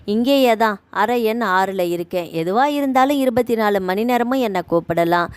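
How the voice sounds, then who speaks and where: A woman voicing a kindly retired man who runs a care home; he talks gently and reassuringly. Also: mid-range voice, animated, normal speed, clean tone, no echo, lightly acted.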